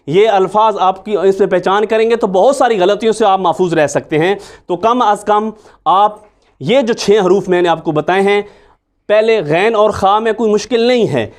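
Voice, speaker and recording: A man, teaching a Quran recitation lesson and patiently repeating sounds to show them. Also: high voice. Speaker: religious teacher.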